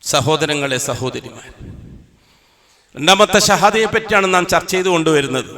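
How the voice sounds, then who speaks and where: A man preaching a Friday sermon in a mosque with a Kasaragod Malayalam accent, slowly chanting Arabic verses and then explaining them with impassioned force. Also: on the high side, expressive, crowd noise.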